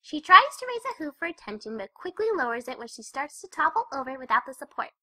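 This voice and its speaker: A fan fiction reader voices a bubbly, excitable young female cartoon pony narrating her own story in the first person. The delivery is exuberant, gushing, fast, and heavily acted, with an extremely high, bright, squeaky, girlish voice and a lively, animated narrating mood.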